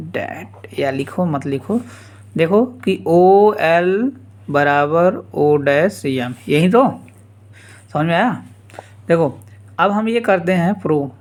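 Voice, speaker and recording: Slow, repetitive math teacher. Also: male voice, a little high. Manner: slow, repetitive explaining with casual asides. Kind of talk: informal geometry lesson.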